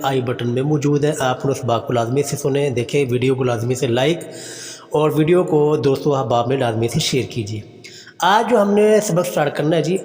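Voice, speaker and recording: A male Quran teacher giving a recitation lesson, drawing out slow chanted phrases and then explaining in quick, plain speech. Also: medium pitch, a little mellow, big-room sound.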